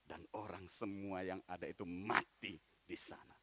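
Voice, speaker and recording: A man preaching a sermon as a pastor in a church, telling a story with big swings in loudness. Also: low voice, fairly even intonation, moderate pace, slight background noise.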